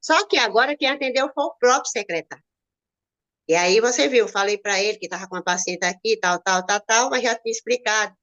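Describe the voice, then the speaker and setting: A woman's voice: fairly quick, a bit bright, dull audio. Earnest Brazilian woman telling a testimony. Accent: Brazilian Portuguese. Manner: earnest, acts out quoted voices with sudden jumps in pitch. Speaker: guest giving a testimony. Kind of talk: emotional personal storytelling.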